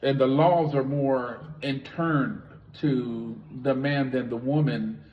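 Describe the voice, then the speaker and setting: A man's voice: medium pitch, steady tone, slow, dull audio, a little hiss or hum. American man in his fifties, plain mid voice, blunt rambling co-host, reverberant room. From United States. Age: 50s. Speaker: vlog co-host. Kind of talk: casual chat.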